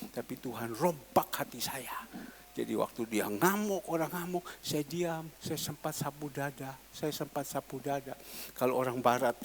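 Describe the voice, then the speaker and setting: A male pastor from East Nusa Tenggara, preaching a sermon. He repeats his exclamations and swings from quiet asides to loud declarations. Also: on the high side, vocal fry. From East Nusa Tenggara, Indonesia.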